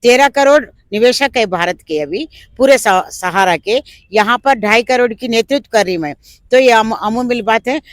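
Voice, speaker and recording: A woman's voice: fairly high pitch, normal speed, no room sound. A woman from South India leading a protest, speaking fervently in an interview at an outdoor demonstration. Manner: fervent, rises to shouting slogans. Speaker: protest leader. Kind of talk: impassioned protest speech.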